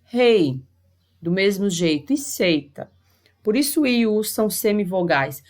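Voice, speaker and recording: A woman teacher with a Brazilian Portuguese accent giving a recorded lesson to sixth graders, spelling out sounds slowly and carefully. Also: medium pitch, expressive, darkish tone.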